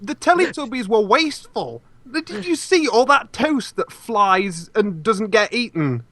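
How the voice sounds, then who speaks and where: A man's voice: high-pitched, animated, measured pace, fairly bright tone. A man with a Teesside accent chatting casually on a podcast, swearing freely and riffing on jokes. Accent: Teesside English. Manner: crude, swearing, joking riffs.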